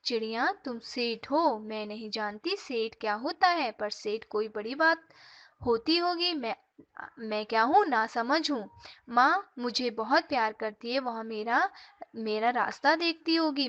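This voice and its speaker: A woman's voice: on the high side, a bit bright. Woman voicing an innocent little bird. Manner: earnest, naive pleading. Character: innocent young female bird, gentle. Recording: dull lo-fi recording.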